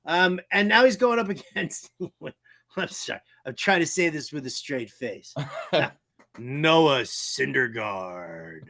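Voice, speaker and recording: A man co-hosting a sports betting show, joking and self-mocking in casual chat before giving his picks. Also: sits high. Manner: animated, self-mocking, quick to joke and laugh. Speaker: co-host, betting analyst.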